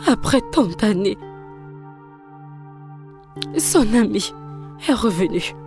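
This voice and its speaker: A woman's voice: medium pitch, lively intonation, slow pace, over music. An actress dubbing an emotional young woman who pleads and cries out, in a French film dub. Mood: bitter. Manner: pleading, emotional, often crying out.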